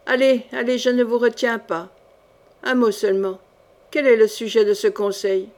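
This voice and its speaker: A woman's voice: a little high, flat delivery, moderate pace, a little mellow, close to an everyday voice. A woman voicing a brusque, furious medieval duke who barks curt orders at his men in an audiobook. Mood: scornful.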